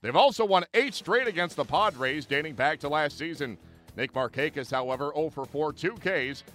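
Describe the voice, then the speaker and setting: A man narrating a scripted sports recap as a highlights presenter. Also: animated, normal speed, a bit bright, soft background music.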